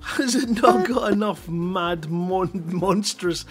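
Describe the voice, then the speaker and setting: A middle-aged man hosts a livestream, chatting casually into a headset mic and rambling in a jokey, self-deprecating way. His voice sits high and he speaks slowly, with faint music in the background.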